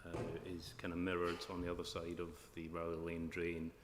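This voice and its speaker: Low-voiced man with a broad Scottish accent. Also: monotone, brisk. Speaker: flood risk and drainage consultant giving evidence. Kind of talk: formal question-and-answer evidence at a planning inquiry. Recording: echoey hall with clear background noise.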